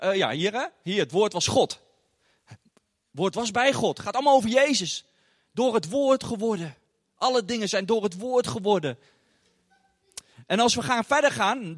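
Dutch-accented guy preaching, high voice, chatty with lots of little tag questions, long echo in the church hall. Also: a bit bright. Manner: chatty, with frequent tag questions and filler sounds. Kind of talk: sermon.

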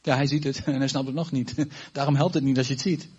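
A man's voice: mid-range voice, steady tone, quick pace, a little mellow, husky, muffled recording. A man preaching a sermon to his congregation, emphatic and repetitive, with stumbles and asides to the listeners. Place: church congregation.

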